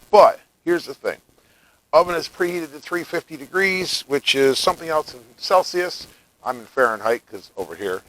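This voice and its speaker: A man from the United States casually chatting through a home cooking vlog, relaxed and talkative, often tasting food while he speaks. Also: medium pitch, low-quality recording. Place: home kitchen.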